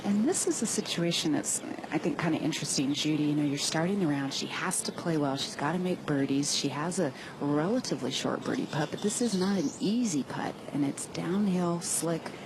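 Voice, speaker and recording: A woman's voice: low voice, fairly quick, few pauses. A woman giving analytical live golf commentary. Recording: clear outdoor ambient noise.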